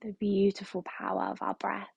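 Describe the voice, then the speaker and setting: Woman, yoga teacher, guided meditation, flat even delivery, dry close sound. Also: mid-range voice, creaky, breathy edge, no echo. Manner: slow, soothing, repetitive phrasing.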